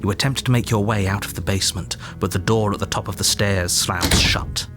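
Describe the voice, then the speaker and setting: An actor playing a stern, disapproving narrator in a video game, telling the story in a deliberate, ominous, dramatic way. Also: male voice, lowish voice, steady tone, close to an everyday voice. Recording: music behind the narration.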